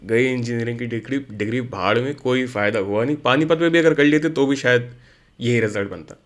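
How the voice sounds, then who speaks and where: A man's voice: mid-range voice, a little fast. A man who is a psychologist hosting a reaction video, speaking casually and switching between Hindi and English. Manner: relaxed, mixes Hindi and English. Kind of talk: casual commentary.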